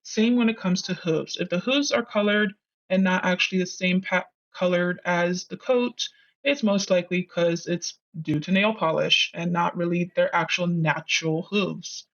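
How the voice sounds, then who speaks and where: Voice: mid-range voice, steady tone, normal speed, fairly bright tone, muffled recording. A narrator of ambiguous sex whose voice runs through a voice changer, giving a chatty, earnest scripted video narration as an artist hosting their own channel. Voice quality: voice run through a voice changer, artificial-sounding. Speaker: host, digital artist. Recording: music behind the voice. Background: background music.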